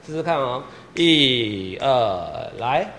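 A man's voice: medium pitch, very animated, slow, gravelly, a bit bright, slight background noise. A man directing a choir rehearsal, patiently repeating instructions, counting the singers in and singing lines to show them. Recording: long hall reverb with piano behind. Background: piano accompaniment.

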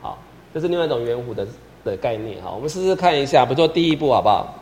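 A man's voice: mid-range voice, lively intonation, racing, a little mellow, a little hiss or hum. A man directing a choir rehearsal, patiently repeating instructions, counting the singers in and singing lines to show them. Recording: long hall reverb with piano behind. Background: piano accompaniment.

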